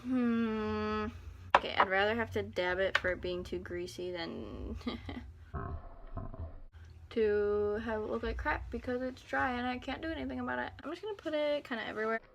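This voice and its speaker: A teenage girl vlogger with a slightly high voice chats and rambles while she does her makeup, joking at her own expense. She records on a phone in a small bathroom, and a faint hiss sits under her voice. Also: expressive, moderate pace, vocal fry. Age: teens. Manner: rambling, self-deprecating and chatty. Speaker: beauty vlogger. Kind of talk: casual get-ready-with-me vlog. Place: home bathroom. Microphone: phone camera nearby.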